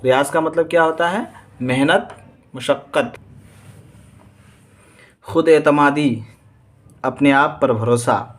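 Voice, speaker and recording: A man with an Indian Urdu accent teaching exam vocabulary. He reads each word with its meaning, repeats it and quizzes his students. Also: fairly high pitch.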